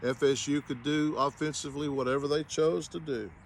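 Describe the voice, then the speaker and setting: A man's voice: on the high side, steady tone, a little fast, slight background noise. A man giving a casual spoken review of a football game, with wry, sarcastic humor.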